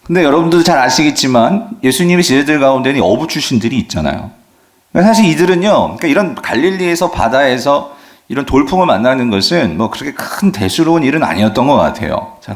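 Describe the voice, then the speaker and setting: Male pastor, sermon, animated pitch, asks the congregation questions, steady filler words. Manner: lively preaching with questions to the congregation; frequent affirming "ye" fillers.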